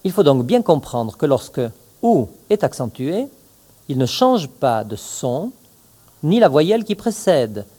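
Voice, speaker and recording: A man teaching pronunciation in a recorded lesson, saying each word slowly and with clear, stressed syllables. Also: on the high side, sing-song, dark tone. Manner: slow, carefully articulated, stresses syllables. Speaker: language teacher.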